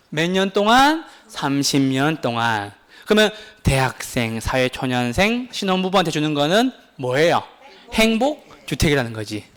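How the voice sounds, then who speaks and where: Animated high-pitched male lecturer. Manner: lively, keeps asking the class questions; pleading, insistent. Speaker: real estate exam instructor. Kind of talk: exam prep lecture.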